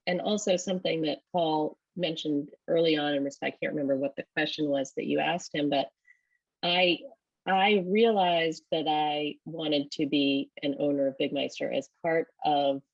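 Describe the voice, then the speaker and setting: A woman's voice: low voice, fairly even intonation, moderate pace, no room sound, highs cut off. A woman leading a company, answering panel questions thoughtfully and often rephrasing as she goes. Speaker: company leader.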